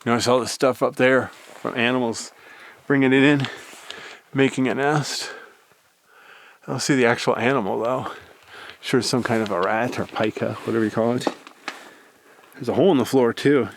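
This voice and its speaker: A man's voice: mid-range voice, steady tone, normal speed, pauses often. A man giving a casual, rambling tour commentary in a laid-back manner, filming himself exploring inside a cave. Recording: clear background noise, handheld cave recording.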